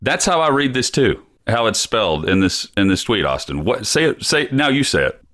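A man's voice: mid-range voice, very animated, fairly quick, a bit bright. A man hosting a sports podcast, playful and teasing, also reading show promos. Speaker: podcast host.

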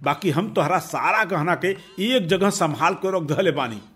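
A crafty village husband with a husky, breathy edge and a Bhojpuri accent, put on by a man telling the story. He talks in a sly, teasing way and sits high for a male voice. It suits a spoken storybook. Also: lively intonation, moderate pace, a bit bright, soft background music. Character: clever scheming village husband.

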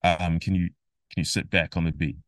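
A man guest on a casual interview podcast, explaining music theory in an animated, emphatic way and acting out imagined conversations. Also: low-pitched, a little fast, no room sound, studio quality.

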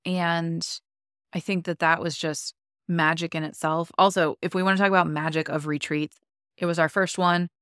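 A woman's voice: lowish voice, level tone, moderate pace, fairly bright tone, smooth, no echo, studio quality. Chatty, enthusiastic woman podcast host. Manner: chatty and enthusiastic, many likes. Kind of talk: casual chat.

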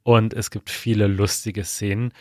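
A man co-hosting a podcast in casual chat, relaxed and a little hesitant. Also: lowish voice, normal speed, no echo, clean studio sound. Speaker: podcast co-host.

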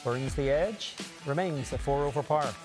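A man's voice: a little high, moderate pace, music in the background. A man speaking as a golf analyst, giving analytical commentary on the broadcast.

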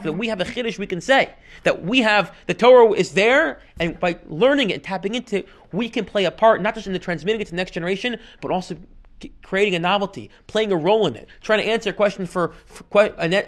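Animated high-voiced man teaching a class. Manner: animated, mixes Hebrew and Yiddish terms, reads passages aloud. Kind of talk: lecture on a text.

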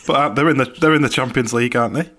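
A man's voice: medium pitch, very fast, fairly bright tone. A man co-hosting a football podcast, earnest and defending his view with dry humor. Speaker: podcast co-host. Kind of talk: casual sports chat.

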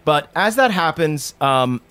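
A man's voice: a little high, expressive, measured pace, bright, forceful tone, smooth. A man narrating a tabletop game as the game master.

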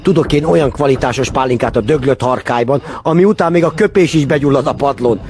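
An actor playing a wry, folksy stagehand with old-fashioned politeness. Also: male voice, medium pitch, a little mellow, close to an everyday voice. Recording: music under the voice.

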